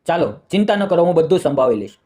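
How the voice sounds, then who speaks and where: An earnest, reassuring young rickshaw driver from a village, read by a man. The voice sits a touch high and speaks gently in a narrated storybook. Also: big pitch swings, quick pace.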